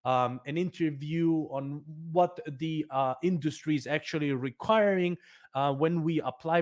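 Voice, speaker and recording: A man presenting career advice for a nonprofit foundation, speaking emphatically with many fillers and restarts. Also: on the high side.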